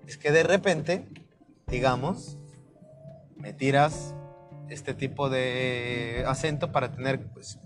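A man's voice: mid-range voice, slow pace, long pauses. A young Mexican man with a Mexican accent chatting casually as a podcast host, rambling and slangy, with lots of fillers. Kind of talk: casual chat. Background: guitar music.

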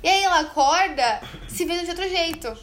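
A woman's voice: very high voice, animated, a little fast, fairly bright tone. A young woman co-hosting a casual chat, talking loosely with many fillers and acting out bits of dialogue. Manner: chatty, many fillers, acts out quoted dialogue. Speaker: podcast co-host. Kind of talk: casual chat, recommending a film.

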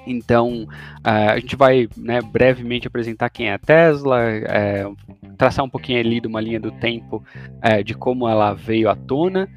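A man with a Brazilian Portuguese accent speaks at a medium pitch as a podcast co-host. He explains things in a casual, informal chat style, often adding tag questions. There is faint music with his voice. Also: normal speed, dull audio.

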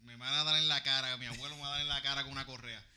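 A man's voice: medium pitch, fairly even intonation, racing, a crowd in the background. A man, co-hosting a casual chat, thinking aloud and often repeating himself. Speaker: podcast co-host.

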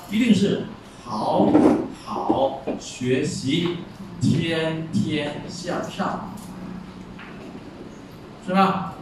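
A man teaching a Chinese class, explaining tones by slowly acting out example words. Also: a little high. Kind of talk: classroom lecture. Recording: echoey room, far mic, faint noise.

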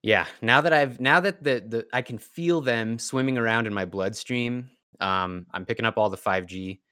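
A tired man, slightly hoarse from yelling, hosting a podcast in casual chat. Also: mid-range voice, moderate pace. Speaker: podcast host.

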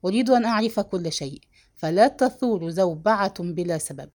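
A bewildered young man wrongly accused, muttering his protests, as a woman narrator reads him. The voice rises and falls in a lively way. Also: medium pitch, brisk, natural voice.

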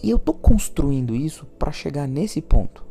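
Mellow-voiced Brazilian man telling a story. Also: a little high, normal speed, gravelly, soft background music. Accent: Brazilian Portuguese. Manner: animated, repeats words for emphasis. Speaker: podcast host. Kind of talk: personal storytelling.

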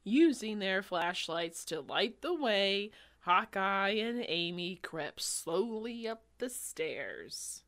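A woman's voice: medium pitch, sing-song, slow pace, hardly any pauses, fairly bright tone. A woman reading a children's book aloud to a friend with dramatic narration. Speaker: reader.

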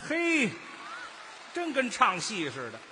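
A man's voice: high voice, sing-song, quick pace, bright, forceful tone, in a large hall, a little hiss or hum. A man, the comic sidekick in a crosstalk act, answering with short, dry comebacks.

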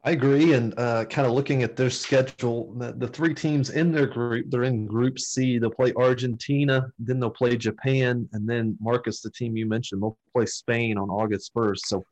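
A man's voice: medium pitch, fairly even intonation, moderate pace, hardly any pauses, darkish tone, rough recording. A man hosting a casual sports chat, who runs through team lists and puts questions to his co-hosts. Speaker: podcast host.

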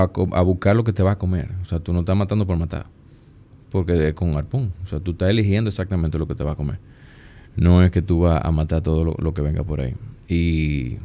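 A man with a Dominican accent, chatting as a guest and telling stories in a relaxed, easygoing way. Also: deep voice, vocal fry. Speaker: guest, plastic surgeon. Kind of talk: casual conversation.

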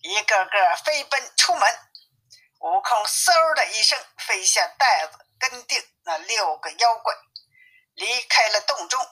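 Woman narrator, storybook reading, bright voice, husky texture. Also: fairly high pitch, unhurried, low-quality recording. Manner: lively, expressive reading. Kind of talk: storybook narration of a classic tale.

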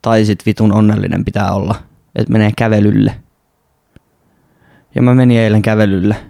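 Gravelly-voiced young man, swearing casually. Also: lowish voice, level tone, mellow, no echo, clean studio sound. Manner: rambling, swears a lot, self-deprecating. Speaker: podcast host. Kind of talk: casual solo podcast monologue. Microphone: studio mic close up.

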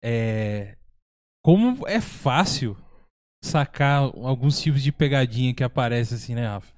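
A man hosting a casual chat, relaxed, laughing along and asking follow-up questions. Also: medium pitch, measured pace, no echo, studio quality.

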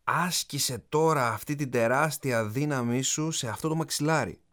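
A man voicing a calm, encouraging father who speaks gently and playfully to his young son in a spoken story. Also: medium pitch, voice pushed up, close to an everyday voice.

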